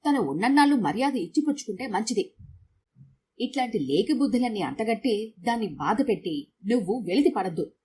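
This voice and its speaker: A woman's voice: a little high, expressive, fairly quick, mellow, a little hiss or hum, lightly acted. A woman voicing a tired middle-aged husband who lectures his wife. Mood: weary.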